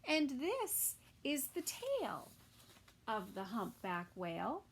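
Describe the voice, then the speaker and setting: A woman reading a picture book aloud to toddlers as a story time reader, with sing-song phrasing and soft asides. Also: fairly high pitch, wildly swooping pitch, slow, a little hiss or hum.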